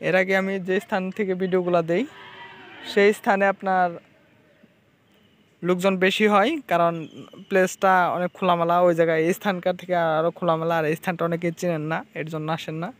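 A man from Bangladesh talks to viewers while filming outdoors by a river. His voice sits a little high and stays level, with little rise and fall. He speaks plainly into a handheld phone and keeps pointing things out. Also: flat delivery, fairly quick. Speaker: fishing channel vlogger. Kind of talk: casual riverside walkthrough vlog.

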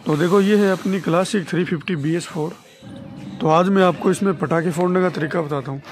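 A man's voice: high-pitched, fairly quick, slight background noise. A man in his twenties chatting casually to viewers in a vlog, explaining things step by step, recorded on a phone at arm's length in a room at home. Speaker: vlogger. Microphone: phone held at arm's length. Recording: roomy echo from a bare room.

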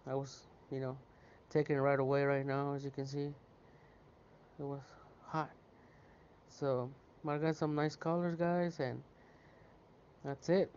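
A man casually talking through his welding outdoors in a relaxed, chatty way, with lots of "you know". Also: medium pitch, measured pace, long pauses, lo-fi sound, slight background noise. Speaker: welder vlogger. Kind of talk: casual how-to narration.

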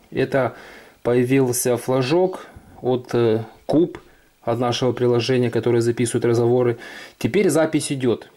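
A man's voice: mid-range voice, mellow. A man presenting an informal tech tutorial, explaining things step by step. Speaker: tech vlogger. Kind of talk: casual smartphone tutorial. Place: indoors at a desk, hands-on demo.

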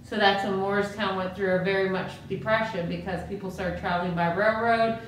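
A woman gives an informal guided tour as a museum guide, explaining exhibits piece by piece with some hesitation. Her voice has an ordinary middle pitch. The room echoes heavily, with faint background noise. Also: steady tone, brisk. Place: indoor museum rooms. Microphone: handheld camera, off-screen speaker.

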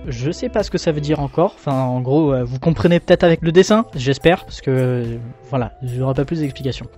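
A young man from France flipping through his sketchbook in a relaxed, self-mocking way, with lots of fillers. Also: medium pitch, a little fast, faint music behind. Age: young adult. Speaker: artist showing his sketchbook. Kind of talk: casual commentary.

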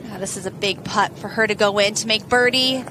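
A woman's voice: medium pitch, fairly quick. A woman giving live golf commentary as an analyst, explaining shots in a conversational way. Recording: outdoor course ambience noise behind voice.

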